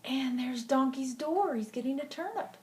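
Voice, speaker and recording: A sweet old lady, a grandmother, reading a picture book aloud gently and affectionately, with asides to a child. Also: high-pitched, animated, normal speed. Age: older. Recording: clearly noisy home recording.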